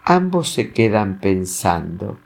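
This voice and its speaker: A man reading a children's story aloud, with an expressive, animated delivery. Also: fairly low pitch, slow pace, gravelly.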